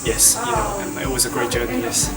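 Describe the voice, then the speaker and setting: Loud music plays behind a man who sits slightly away from the microphone. He has a Japanese accent and a middling pitch. He answers casually as an interviewed student, hesitating and restarting his phrases. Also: sing-song, a little fast, distant mic. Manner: hesitant, repeats and rephrases phrases.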